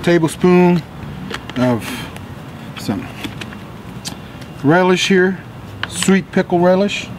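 A man's voice: sits high, drawn-out words, pauses often, noisy background. A middle-aged man, hosting a casual backyard cooking demonstration in a jolly, folksy, chatty manner. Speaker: cooking show host. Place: outdoor backyard grilling area.

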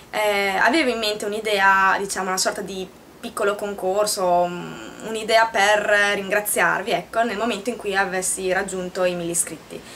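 A woman in her twenties from Italy talks casually to the camera as a vlogger, haltingly, searching for words. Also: mid-range voice, fairly bright tone, slight background noise. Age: 20s. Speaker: video blogger. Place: small room indoors.

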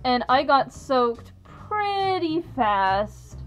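Woman, muffled through a fursuit head, casual chat, laughs a lot, high voice. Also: very animated, extremely slow, fairly bright tone, soft background music. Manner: chatty, laughs often. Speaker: vlogger, fursuiter.

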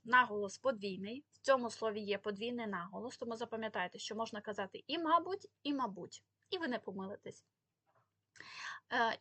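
A woman's voice: a little high, pushed and bright, slightly rough, no room sound. A woman giving a spelling lesson, explaining rules and carefully stressing the example words. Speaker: language teacher.

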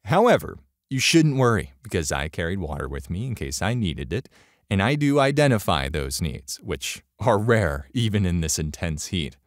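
A man's voice: low voice, very animated, normal speed, no echo, studio quality. A man narrating a story in a sarcastic, exasperated way.

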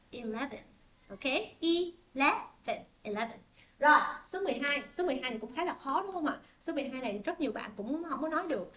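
A woman teaching a livestream pronunciation lesson, chatting with viewers and drilling each word by slow repetition, often laughing between drills, recorded indoors on a tablet microphone. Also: high-pitched, a bit bright. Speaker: English teacher.

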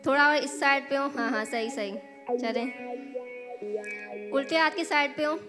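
A high-pitched woman gives calm, steady directions on a game show. Her voice echoes through a big hall. Music plays clearly in the background. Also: a little slow.

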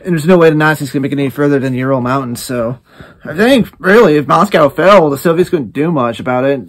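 Man musing aloud in a slightly high voice. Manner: thinking aloud, halting restarts. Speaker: reaction video host. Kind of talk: casual commentary.

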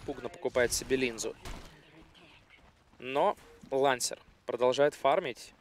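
Man, analytical esports commentary, explanatory, slightly hesitant, medium pitch, light background noise. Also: fairly even intonation, measured pace. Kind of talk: live game commentary, analytical.

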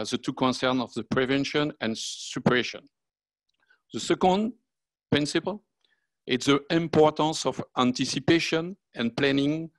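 A man in his sixties with a French accent, a native French speaker giving a formal webinar presentation, halting and searching for English words. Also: mid-range voice, fairly bright tone, dry recording, low-quality recording. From France. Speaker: fire service officer presenting. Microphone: video call.

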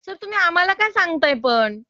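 A woman's voice: very high voice, big pitch swings, brisk, pushed and bright, no room sound, dull audio. A woman calling to collect a loan payment, polite but insistent and exasperated. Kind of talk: phone call.

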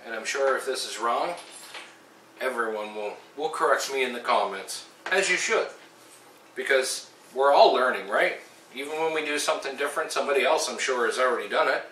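Fairly quick and animated, a middle-aged man with a cold-stuffed nose chats upbeat through a home brewing how-to and tasting vlog, full of ums and uhs. His medium-pitched voice sounds bright and forceful. Audio is poor, from a distant mic with slight background noise, recorded in his kitchen and then a small room.

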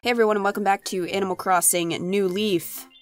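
A woman's voice: medium pitch, steady tone, fairly quick. A woman with a phlegmy, congested voice giving casual, chatty let's play commentary in playful exasperation. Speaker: gaming channel host. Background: video game music.

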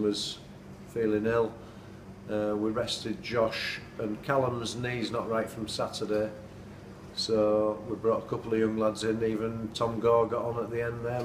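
A middle-aged football manager gives an earnest, plain-spoken post-match interview in a dim room indoors at night. His fairly low voice is picked up from a distance, and the recording is echoey, off-mic and noisy.

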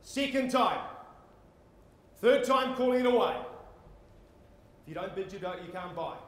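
On stage in a large indoor conference hall, a man in his forties with an Australian accent calls a live property auction. He's theatrical, projecting and courteous, with a high voice, lively intonation and an unhurried pace. The recording is echoey and noisy.

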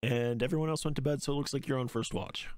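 A man runs a tabletop role-playing game as game master. He is casual and explanatory, improvising his narration. His voice sits at an average pitch on a close, dry mic. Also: fast talker, darkish tone, no echo.

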